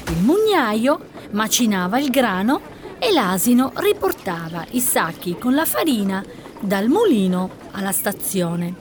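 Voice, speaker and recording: A woman reading a fairy tale aloud as storyteller, slow and expressive. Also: fairly high pitch, slight background noise.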